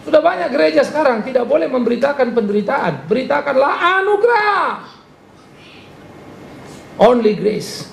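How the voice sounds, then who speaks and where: Brief: male pastor, forceful sermon delivery, gravelly voice, roomy hall sound, faint noise. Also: very high voice, a little fast, few pauses. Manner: emphatic, animated preaching with acted quotes.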